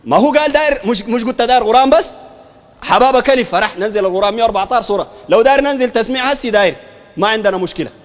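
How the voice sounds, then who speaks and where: Sudanese guy preaching, super fast, pelting questions, big echoey hall. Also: extremely high pitch, lively intonation. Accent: Sudanese Arabic. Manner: combative, fires rhetorical questions, shouts at times. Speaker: Islamic preacher. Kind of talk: heated public debate. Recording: long hall reverb.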